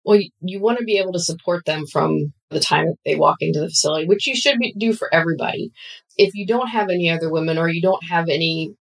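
A woman speaking as an interview guest and expert on women in the skilled trades, giving earnest, steady advice. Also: on the low side, quick pace, vocal fry, rough recording. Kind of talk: conversational interview.

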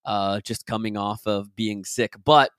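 A man hosting a podcast and coaching his listeners, chatty and upbeat, his voice raspy as he recovers from being sick. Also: on the low side, unhurried, a bit bright, dry recording, clean studio sound. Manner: upbeat and enthusiastic; chatty and rambling. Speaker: podcast host and business coach. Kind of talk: casual podcast talk and reading from his own book.

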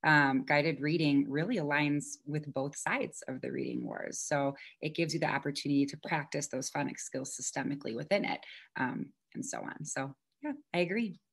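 A woman's voice: deep voice, animated, moderate pace, vocal fry, husky. A woman guest on a podcast interview, earnest and articulate, explaining her views with occasional ums. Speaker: podcast guest, instructional coach. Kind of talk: conversational interview.

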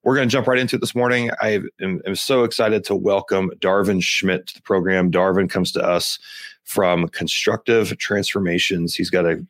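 A man's voice: low voice, steady tone, moderate pace. A man hosting a business podcast, reading an upbeat intro and then chatting, often repeating his words. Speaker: podcast host. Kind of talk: scripted intro then casual interview.

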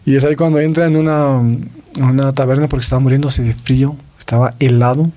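A man co-hosting a religious podcast, retelling a saint's story in a casual, animated way with quoted voices and many fillers. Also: medium pitch, quick pace. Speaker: podcast co-host.

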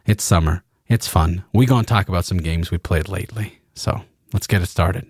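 A man co-hosting a casual podcast, with a fairly low voice recorded dry and close. He rambles and jokes, swearing freely as he goes. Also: moderate pace, darkish tone, husky, no room sound. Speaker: podcast co-host. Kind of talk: casual chat.

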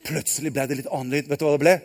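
A man telling a Bible story live to children, lively and asking them questions. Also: on the high side, a little hiss or hum. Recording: long hall reverb.

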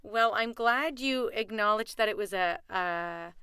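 A woman's voice: mid-range voice, unhurried, bright, forceful tone, smooth, no echo, studio quality. A woman in her late forties, a podcast guest speaking reflectively and searching for words in a casual chat. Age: late 40s.

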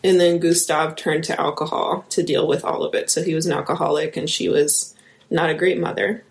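A woman's voice: low voice, fairly even intonation, brisk, vocal fry. A woman with a Midwestern accent, co-hosting a true-crime podcast and reading case notes with casual ums and asides. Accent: Midwestern American. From American Midwest. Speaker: podcast co-host, lead investigator.

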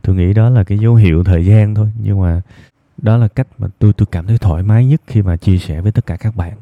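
A man with a southern Vietnamese accent hosts an evening advice show, speaking reflectively to his listeners in a quiet, unhurried, intentionally low voice. The recording is dry, with a thin, band-limited sound like a phone line.

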